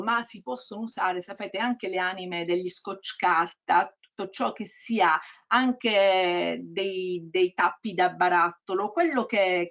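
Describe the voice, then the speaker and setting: A woman presenting art techniques to teachers in a training session, talking quickly and explaining with frequent hesitations. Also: medium pitch, a bit bright. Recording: slightly dull lo-fi audio.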